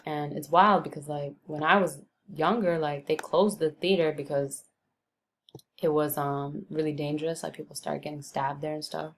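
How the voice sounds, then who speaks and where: A young woman from Brooklyn, New York, gives a relaxed, rambling narration over a screen-recorded tour of her neighborhood, full of ums and likes. Her voice is deep, her pace moderate, and there's slight background noise.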